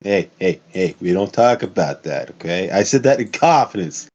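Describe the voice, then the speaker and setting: A man's voice: deep voice, lively intonation, moderate pace, a little mellow. A man co-hosting a casual stream, joking and swearing playfully. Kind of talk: casual chat. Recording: dull lo-fi mic.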